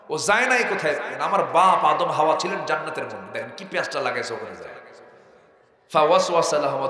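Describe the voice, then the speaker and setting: A man with a Bangladeshi Bengali accent preaching a sermon at a night gathering, throwing questions to the crowd and swinging from soft asides to loud shouts. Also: a little high. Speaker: Islamic preacher. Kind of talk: open-air waz sermon. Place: outdoor religious gathering at night. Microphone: PA microphone. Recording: echoey PA sound in a large outdoor gathering.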